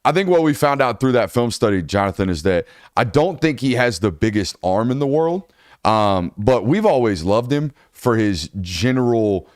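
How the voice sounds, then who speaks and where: A man's voice: mid-range voice, very animated, moderate pace, no room sound, studio quality. A man hosting a casual college football show, talking loosely and correcting himself as he goes. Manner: loose, rambling, self-correcting. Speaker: host. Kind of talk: casual sports podcast chat.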